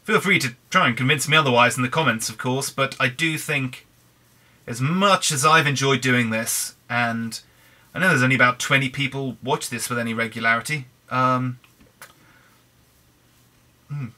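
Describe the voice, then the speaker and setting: A young British man with a hoarse, croaky throat, chatting in a rambling way over a Minecraft let's play. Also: medium pitch, normal speed, bright, forceful tone. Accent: British English. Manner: rambling, chatty, frequent restarts. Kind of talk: casual gameplay commentary.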